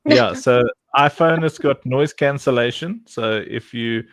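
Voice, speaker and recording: A man's voice: medium pitch, measured pace, dry recording, studio quality. A man hosting a casual livestream chat, joking and teasing his guests and coaching them to repeat words. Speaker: livestream host.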